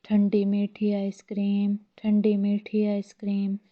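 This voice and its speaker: A woman's voice: lowish voice, measured pace, lo-fi sound. A lazy boastful drake, as a woman reads him. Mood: calling out.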